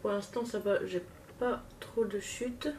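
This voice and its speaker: A woman talks casually to her viewers while doing her own makeup, pausing, muttering and laughing at her own slips. The mic sits a little away from her, and a clear hum of room noise runs under her mid-pitched voice. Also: fairly even intonation, darkish tone, distant mic. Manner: chatty, self-mocking, talks while working. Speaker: beauty vlogger. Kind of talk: casual makeup tutorial chat. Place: home, at a makeup table.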